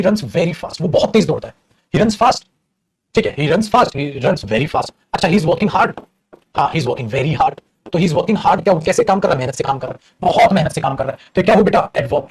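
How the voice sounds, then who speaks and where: A man's voice: high voice, gravelly, a little mellow, husky. A man teaching English grammar in an online live class. He calls his students 'beta' fondly, mixes Hindi and English, and makes teasing asides.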